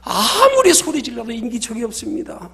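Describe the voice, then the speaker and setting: Animated, gravelly male preacher. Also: high voice, a little fast. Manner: emphatic, storytelling preacher. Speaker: pastor. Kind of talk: sermon.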